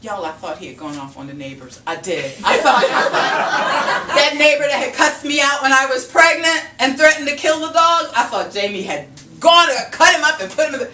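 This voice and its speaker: A woman telling a comic story live, laughing through it and going shrill when she quotes herself. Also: expressive, moderate pace, few pauses. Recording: roomy, distant mic with noise.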